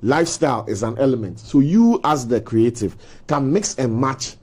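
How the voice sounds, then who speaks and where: As a panelist on a culture talk show, a man with a Ghanaian accent makes his points emphatically in an opinionated discussion. He speaks at a moderate pace in a medium-pitched, slightly mellow, sing-song voice.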